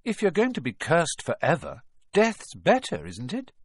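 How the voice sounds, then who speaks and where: A man's voice: huge pitch swings, normal speed, slightly rough, no room sound, clean studio sound, exaggerated voice. A man doing a startled young schoolboy. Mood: earnest, startled. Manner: higher-pitched, earnest and questioning. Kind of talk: audiobook character reading.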